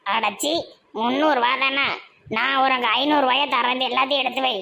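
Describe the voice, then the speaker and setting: Gravelly high woman, Tirunelveli Tamil. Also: fairly even intonation, a little fast, sharp tone. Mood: scolding. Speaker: comedy sketch actor. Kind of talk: slapstick village comedy sketch.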